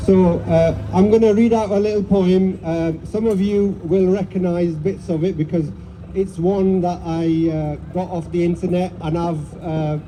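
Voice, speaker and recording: At an outdoor street protest, a man says a few words to the crowd and then reads a heartfelt poem in a plain manner with fillers. His voice is fairly high-pitched, with background noise behind him.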